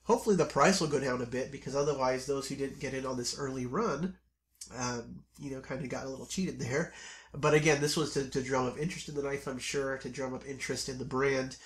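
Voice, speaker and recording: Man, hoarse, scratchy voice, sick with a cold, casual chatty knife review, mid pitch. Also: a little fast. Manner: relaxed and chatty, with frequent ums and self-corrections. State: hoarse, under the weather. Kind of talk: casual product review to camera.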